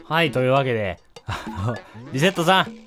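A man's voice: mid-range voice, very animated, moderate pace, over music. A man, a gaming YouTuber, commenting casually and with amusement as he plays, recorded on a studio microphone at home. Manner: amused, chatty, reacting to the game. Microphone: studio condenser mic.

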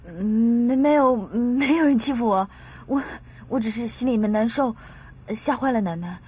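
A woman's voice: a little high, normal speed, warm tone, husky. An actress playing a timid young woman who stammers and hesitates in a TV drama. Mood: hesitant. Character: timid young woman, tearful granddaughter figure.

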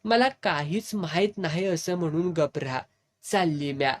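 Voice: medium pitch, unhurried, lightly acted. A fearless young village woman with a rural Satara accent who speaks with firm defiance, played by a storyteller. She gives blunt orders and does not back down. It sounds like a spoken audiobook. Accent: rural Satara Marathi.

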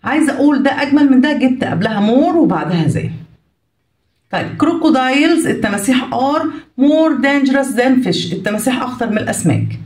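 A woman's voice: high voice, animated, brisk, a little mellow. A woman teacher with an Egyptian accent explaining a grammar lesson patiently, asking questions and answering them herself. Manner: patient, asks and answers her own questions. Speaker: English teacher. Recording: roomy echo, mic at a distance.

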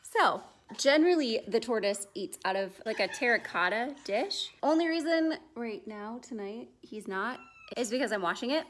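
A woman's voice: fairly high pitch, expressive, normal speed, background noise. A young woman chatting casually in a home vlog, filming herself at arm's length and talking to her pets. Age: young adult. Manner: chatty, upbeat, talks to her animals. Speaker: vlogger and pet sitter. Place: home, indoors. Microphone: handheld camera at arm's length.

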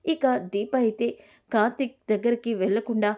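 Mellow-voiced woman retelling a story. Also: fairly high pitch, steady tone, moderate pace. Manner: voices every character's lines herself, raising her voice for shouts. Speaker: serial recap narrator. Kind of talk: dramatic story retelling with acted quotes.

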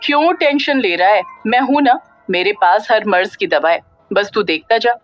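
A woman's voice: medium pitch, animated, normal speed, lightly acted. A woman narrator voicing Vicky, a young man who jokes and boasts to his friend. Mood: joking. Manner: joshing, boastful banter. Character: young man Vicky, joking, cocky buddy. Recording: dull lo-fi audio with faint music.

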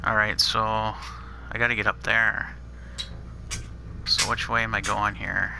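Low, gravelly male gamer, relaxed play-by-play, noisy capture. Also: slow. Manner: easygoing, muttering reactions to finds. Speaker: gamer playing a custom map. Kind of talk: casual let's-play commentary.

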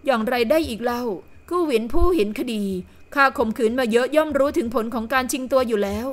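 A woman with a high voice narrates an audio novel, telling the story in a steady, even manner. Her delivery is scripted storytelling from start to finish. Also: brisk.

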